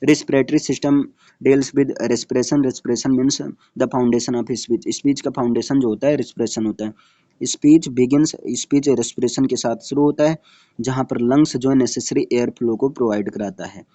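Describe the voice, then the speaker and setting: A man teaching a lecture from slides. He repeats each definition and keeps asking whether it is clear, and he slows down when he says English technical terms. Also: mid-range voice, fairly even intonation, mellow, no echo, muffled recording. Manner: checks in often with "clear hai?". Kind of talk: Hindi lecture walking through slides.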